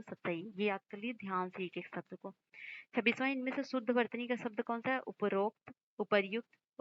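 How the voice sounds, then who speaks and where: Woman teacher explaining spellings, lo-fi. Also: medium pitch. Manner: explanatory, repeats words slowly to stress spelling. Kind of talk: exam-prep lesson.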